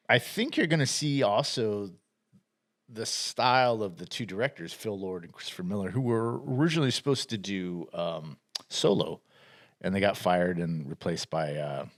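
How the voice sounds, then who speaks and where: A man co-hosting a podcast, chatting casually about upcoming movies, rambling with restarts and frequent laughs. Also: fairly low pitch. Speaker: podcast co-host.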